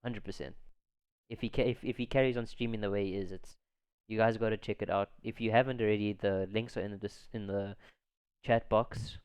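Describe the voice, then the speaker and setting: A man's voice: fairly low pitch, steady tone, brisk, darkish tone, clean tone. A man hosting a stream in casual chat, often restarting his phrases. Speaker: stream host.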